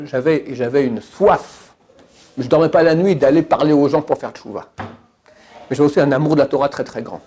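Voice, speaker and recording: A man from France, a rabbi teaching a Torah class and answering questions in an emphatic, animated way. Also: creaky, breathy edge. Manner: animated, emphatic, jumps between high and low.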